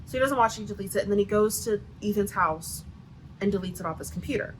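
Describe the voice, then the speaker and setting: A woman's voice: medium pitch, fast talker, slight background noise, low-quality recording. Profane sarcastic woman ranting. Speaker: book reviewer. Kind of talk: casual rant review.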